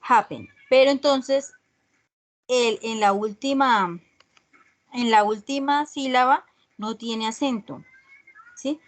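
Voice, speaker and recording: Slow-talking teacher woman on a video call. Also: a little high. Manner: slow, repeats "¿sí?" checks with students. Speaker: English teacher. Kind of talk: online class explanation.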